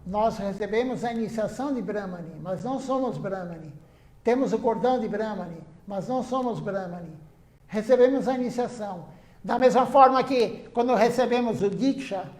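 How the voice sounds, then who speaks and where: A temple speaker with a high-pitched, slightly mellow voice gives a devotional sermon in the temple hall, earnest and stressing his points through repetition. The recording has a roomy sound.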